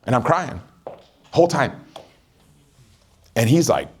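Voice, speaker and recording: A middle-aged man giving a motivational sales training talk as a network marketing trainer, an energetic storyteller who keeps checking in with his audience. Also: mid-range voice, slow, a little hiss or hum.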